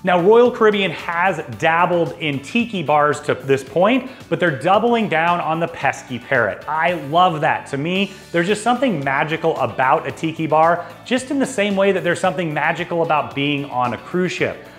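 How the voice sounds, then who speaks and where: His fairly high, slightly bright voice is animated, moving at a moderate pace with few pauses. The man, a travel agency host in his forties, gives an enthusiastic, salesy cruise overview to camera with personal asides, lapel-miked in a dark-backdrop studio with faint music playing.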